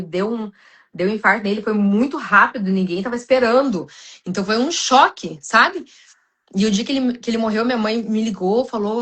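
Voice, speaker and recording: Uma mulher brasileira, com sotaque brasileiro, fala com sinceridade em um podcast cristão, com muitas hesitações e recomeços. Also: female voice, medium pitch. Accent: Brazilian Portuguese. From Brazil. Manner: earnest, many restarts and fillers, addresses listeners as "gente". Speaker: podcast guest.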